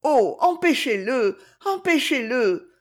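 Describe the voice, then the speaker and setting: A woman's voice: high-pitched, very animated, slow pace, pitched above the performer's own voice, exaggerated voice. A woman reading the part of a brave young girl who speaks with passion. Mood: pleading. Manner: impassioned and pleading. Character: brave young girl, pleading then defiant.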